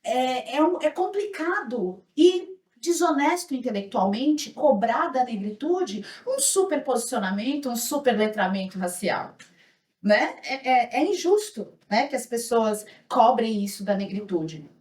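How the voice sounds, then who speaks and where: Brazilian woman, high voice, earnest workshop talk, kinda far off the mic, echoey room. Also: animated, a little slow, a little mellow. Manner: earnest, reflective, tags lines with "né?". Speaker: speaker leading an anti-racism workshop. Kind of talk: workshop talk with a small group. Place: hotel auditorium.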